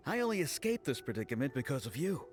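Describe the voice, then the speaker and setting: A man voicing a courteous male antique supplier in a game cutscene, measured and salesman-like. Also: mid-range voice, big pitch swings, slight background noise, lightly acted. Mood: grateful. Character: grateful male antique supplier, polite merchant.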